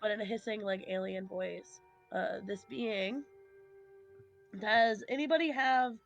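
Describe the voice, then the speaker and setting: A woman's voice: medium pitch, fairly even intonation, a little slow, vocal fry, muffled recording, faint music behind. A woman narrating as game master of a tabletop game, hesitant with many fillers.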